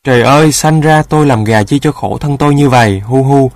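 A man's voice: a little high, fairly quick, dry recording, clean studio sound, voice pushed up, natural voice. Man doing a wailing, frightened rooster. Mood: pleading. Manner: whiny, sobbing pleas.

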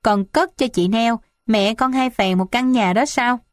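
A woman's voice: measured pace, no echo, clean studio sound, natural voice. A woman voicing a defiant, spoiled young village daughter in an audiobook, sulky and petulant. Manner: sulky, petulant, high-pitched.

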